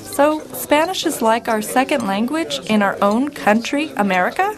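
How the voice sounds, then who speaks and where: A cheerful young woman, played by an actress in a scripted language-lesson dialogue. Her voice is fairly high and rises and falls a lot. She speaks clearly and expressively. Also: moderate pace, a crowd in the background, close to an everyday voice. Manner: bright, expressive, clearly spoken. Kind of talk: scripted dialogue for English learners.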